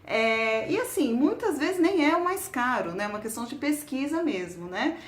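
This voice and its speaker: A Brazilian woman with a Brazilian Portuguese accent, explaining travel tips to camera in a casual, chatty way. She tacks a quick question onto nearly every phrase and repeats words while she looks for the next one. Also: sits high, very animated. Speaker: travel vlogger. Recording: roomy echo.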